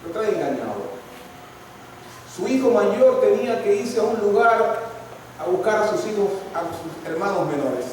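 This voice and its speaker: A man's voice: high voice, big pitch swings, unhurried, darkish tone, a little hiss or hum. A man pastor preaching a sermon, telling stories with emphatic repetition. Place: large church hall. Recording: echoey church hall from far off.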